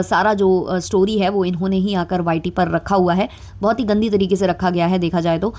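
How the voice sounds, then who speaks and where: A woman's voice: mid-range voice, a little mellow. A young adult woman talking through gossip commentary in a chatty way, with frequent filler sounds and a mildly sarcastic edge. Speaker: commentary vlogger.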